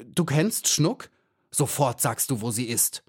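A man reading puts on a proud male hornet warrior who guards a robbers' castle in a children's tale. He talks bluntly and roughly, a little higher than the narrator's plain voice. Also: expressive, measured pace, natural voice. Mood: stormy.

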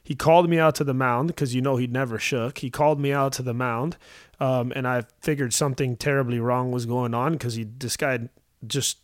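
Smooth-voiced man co-hosting a chat. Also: mid-range voice, steady tone, normal speed, dry recording, studio quality. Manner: conversational, storytelling with many "obviously" and "you know". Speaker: co-host, former baseball catcher. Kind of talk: casual interview chat.

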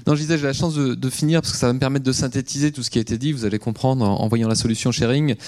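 A man with a mid-range voice begins a conference presentation about his company. He speaks in a measured way, often restarting phrases and pausing on fillers. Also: medium pitch, steady tone, darkish tone.

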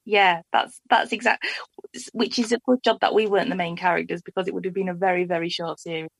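A woman's voice: fairly low pitch, steady tone, quick pace, gravelly, breathy edge, no echo. A woman from England co-hosting a casual podcast chat, jokey and rambling. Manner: chatty, jokey, rambling with fillers. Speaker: podcast co-host.

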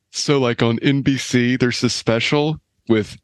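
A man's voice: mid-range voice, steady tone, slow pace, no echo. A man co-hosting a comedy podcast, joining the banter with wry questions. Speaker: podcast co-host. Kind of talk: comedic casual chat.

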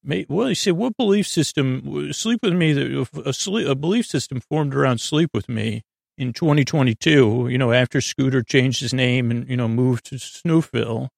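A podcast host with a creaky, gravelly, mid-range male voice delivers a rambling, improvised bedtime monologue at a normal pace. He drifts through digressions, breaking off and restarting mid-word, and the sound is close and completely dry.

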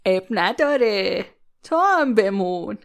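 A woman's voice: mid-range voice, expressive, close to an everyday voice. An actress voicing a kind, motherly old village woman in a children's audio story, coaxing and soothing. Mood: gentle. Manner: soothing, coaxing, calls everyone dear. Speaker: voice actor.

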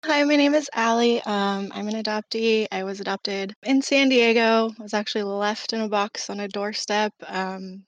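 A woman's voice: mid-range voice, moderate pace, hardly any pauses, dry recording, dull audio. A woman in her thirties from Southern California, a podcast guest talking casually with many ums and likes and small laughs. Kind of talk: casual chat.

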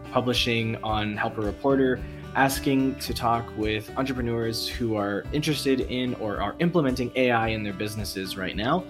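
A man hosting a podcast, introducing his guest and asking friendly, conversational questions. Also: on the low side. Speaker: podcast host. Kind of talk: podcast interview.

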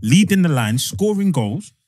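A man's voice: fairly high pitch, big pitch swings, measured pace, darkish tone, no echo, clean studio sound. A man from Liverpool co-hosting a football podcast, pressing his point insistently and repeating himself. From Liverpool, England. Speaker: podcast co-host. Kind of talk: casual football debate.

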